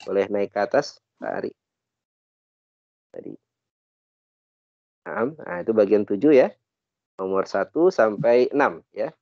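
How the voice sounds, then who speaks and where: A man's voice: on the low side, big pitch swings, unhurried, pauses often, dry recording, dull audio. A man with an Indonesian accent teaching an online Arabic class, patiently correcting and translating phrases.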